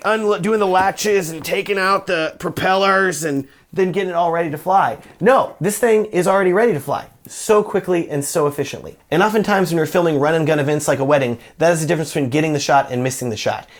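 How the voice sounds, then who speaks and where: A man's voice: high voice, fairly quick. A man who is a wedding filmmaker, giving a casual product review in a chatty, enthusiastic way and talking straight to the viewer.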